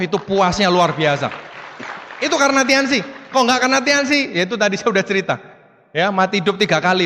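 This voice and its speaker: A man with a fairly high voice delivers an animated motivational talk, calling out to his audience again and again. His voice rings through a large hall with a long reverb. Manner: animated, repeatedly addresses the audience as "Bapak Ibu". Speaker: motivational speaker.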